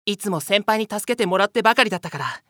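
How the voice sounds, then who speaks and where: A man playing a gentle, earnest teenage boy who speaks politely, hesitantly and sincerely to a senior. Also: high voice, expressive, very fast, no room sound, clean studio sound. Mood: earnest, determined.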